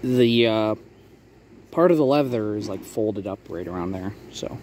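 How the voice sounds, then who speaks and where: A man giving a casual, explanatory product showcase for a video, talking in a halting, hedging way. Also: fairly low pitch, lively intonation, darkish tone. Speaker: maker showing a handmade prop replica for sale. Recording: clear background ambient noise.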